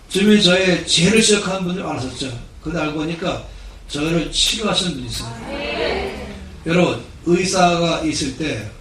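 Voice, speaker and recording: A pastor in his sixties preaches with a fairly high voice, telling a personal story in an earnest, storytelling manner. The sound is roomy and comes from some distance off the mic. Faint hall ambience runs beneath his words. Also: a bit bright, slight background noise. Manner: earnest storytelling, acting out quoted speech. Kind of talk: sermon with personal testimony. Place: large church hall. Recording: echoey hall recording from afar.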